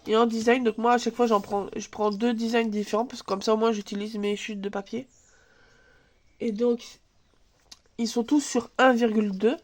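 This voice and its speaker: Filmed by a camera above her home table, this crafts channel host runs a casual tutorial despite a stuffy nose from a cold. Her voice sits a little high with a steady tone and normal speed, and she chats, uses fillers, and reasons out loud as she goes.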